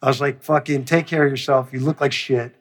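A man's voice: medium pitch, a little fast. A man, a music producer, telling a long story in an interview, swearing freely and acting out what people said. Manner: profane, animated storyteller who acts out quotes.

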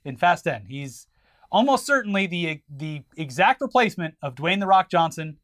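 High-voiced man chatting on a podcast. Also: very animated, normal speed, a bit bright. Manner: wry, opinionated, covers the news. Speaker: podcast co-host. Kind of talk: casual chat.

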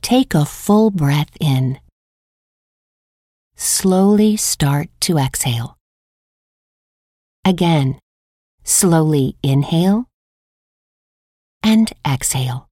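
A woman guiding a relaxation meditation with slow, calm, soothing instructions. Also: sits low, no room sound, clean studio sound. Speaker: meditation guide. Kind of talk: scripted guided meditation.

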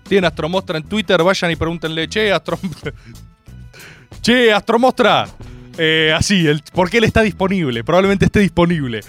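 Man, Rioplatense accent, radio host, comedic monologue, high voice, swearing rants. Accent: Rioplatense Spanish. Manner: animated, joking, rants with swearing.

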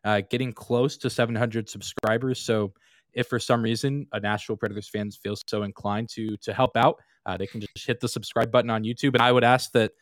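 A man's voice: mid-range voice, fairly even intonation, fairly quick, no echo, studio quality. A man guesting on a sports podcast, talking casually, rambling with plenty of fillers and laughing often.

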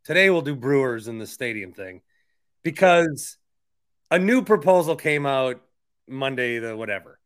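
Bright, forceful American man hosting. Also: mid-range voice, expressive, moderate pace. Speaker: podcast host interviewing a guest. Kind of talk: casual sports and politics chat.

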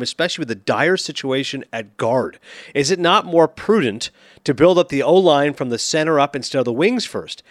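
A man's voice: medium pitch, dry recording, studio quality. A man co-hosting a football podcast, upbeat, reading listener mail in casual sports talk. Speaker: co-host.

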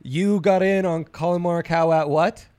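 A man's voice: a little high, steady tone, moderate pace, darkish tone, clean tone, no room sound. A man co-hosting a sports betting show with casual, playful, jokey banter.

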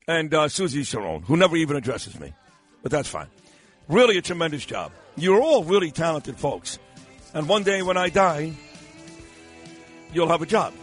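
Brash, animated New radio host, male. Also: on the high side, no echo. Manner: brash, blunt, teasing. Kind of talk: casual call-in radio banter and ad reads. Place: radio studio. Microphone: close studio microphone.

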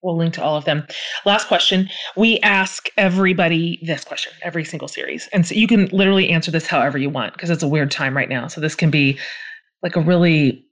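A woman's voice: deep voice, a bit bright. A woman hosting a podcast interview, affirming and thanking her guest. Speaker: podcast host.

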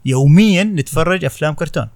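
A middle-aged man with a Saudi accent, a novelist guest, speaking in a casual discussion and often pausing and searching for words. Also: fairly high pitch, a little mellow, dry recording. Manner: halting, searching for words with many fillers.

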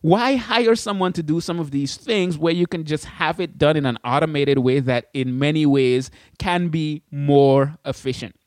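A man's voice: a little high, moderate pace, hardly any pauses, dry recording, clean studio sound. A man from the Caribbean hosting a podcast in a casual, chatty way with frequent restarts and asides. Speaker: podcast host. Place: indoors away from his studio.

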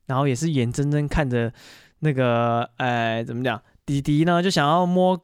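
A man hosting a podcast, casually telling stories alone and pausing on fillers as he goes. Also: mid-range voice, clear, resonant tone, no echo, clean studio sound. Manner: chatty, animated retelling full of fillers. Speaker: podcast host. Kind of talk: casual solo storytelling monologue.

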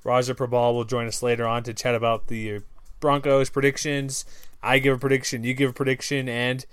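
A man's voice: mid-range voice, level tone, a little fast, fairly bright tone, smooth, no room sound. A man hosting a casual sports podcast, upbeat and joking, laughing often. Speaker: podcast host.

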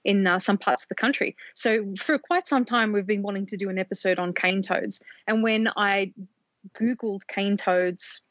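A woman's voice: mid-range voice, moderate pace, a bit bright, no room sound. A woman with an Australian accent co-hosting a podcast, interviewing in a hesitant, conversational way. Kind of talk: casual interviewing. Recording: dull, dry lo-fi sound.

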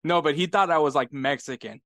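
Brisk and fairly high-pitched, this American podcast co-host laughs a lot while spinning animated stories in a relaxed chat. The sound is dry, with no echo.

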